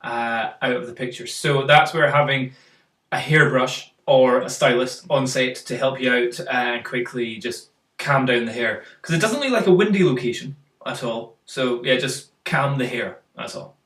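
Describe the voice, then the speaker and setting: A man with a medium-pitched, fairly bright voice hosts a casual photo critique at normal speed, chatting through pictures with plenty of fillers and quizzing his co-host. The recording sounds roomy, with the mic placed at a distance.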